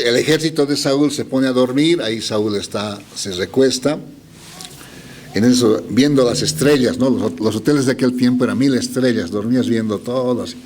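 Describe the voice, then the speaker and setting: A man's voice: mid-range voice, a little mellow, a little hiss or hum. A man preaching a storytelling sermon, retelling scripture and addressing the listeners as brothers. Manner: slow deliberate scripture reading.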